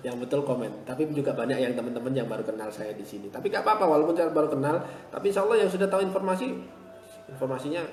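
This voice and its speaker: A man teaching a live online class and answering viewers, reassuring and repeating his encouragements, at times turning loud and animated to stress a point. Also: mid-range voice. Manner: reassuring, repeats "ya" and "insya Allah", swings to loud animated emphasis. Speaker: motivational teacher. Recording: echoey room with long reverb.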